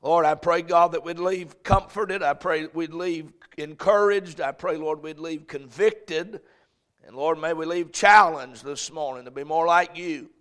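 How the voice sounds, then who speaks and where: A man's voice: fairly high pitch, unhurried, fairly bright tone. A male pastor preaching and reading scripture to a congregation, in an echoey church hall. He talks in a folksy way and repeats phrases, then swells when he reads verses aloud. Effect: echoey church hall sound.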